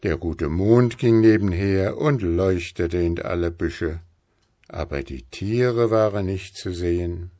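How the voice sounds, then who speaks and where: A man reading a fairy tale aloud slowly and expressively. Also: dry recording, clean studio sound. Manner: slow, expressive, lively pitch. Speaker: storyteller.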